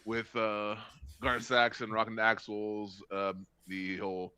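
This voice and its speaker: Male contestant, bright crisp voice, dull dry mic. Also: lowish voice, monotone, dry recording. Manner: halting, self-correcting. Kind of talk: casual chat.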